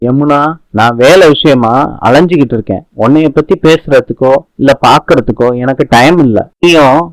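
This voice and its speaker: A man's voice: medium pitch, moderate pace, dry recording, natural voice, rough recording. A man reading the lines of a stern, irritated young man, firm and dismissive, in a dry recording.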